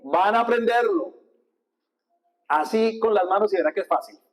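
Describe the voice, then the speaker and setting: A male priest giving a lively sermon with a handheld mic, coaching the congregation to repeat verses and gestures. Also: sits high, moderate pace, slight background noise, rough recording. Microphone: handheld microphone.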